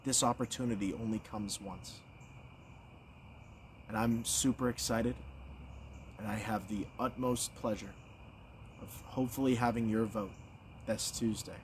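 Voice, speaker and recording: A young American man giving a folksy campaign stump speech as a candidate, earnest and emphatic, in short phrases with deliberate pauses. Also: fairly low pitch, fairly even intonation, slight background noise. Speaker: political candidate.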